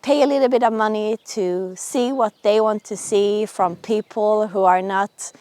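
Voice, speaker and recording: Female vlog host, medium pitch, casual address to viewers, very dry close recording. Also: fairly even intonation, measured pace, a little mellow, no room sound. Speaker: sailing and boat-building vlogger, host.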